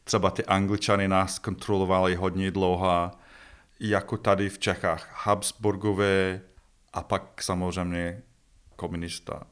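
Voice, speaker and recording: A man's voice: deep voice, level tone, fairly bright tone, clean tone. A middle-aged man with a Scottish accent, a native English speaker, answering interview questions in a conversational, joking, self-deprecating way. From Scotland. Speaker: interview guest, festival organiser.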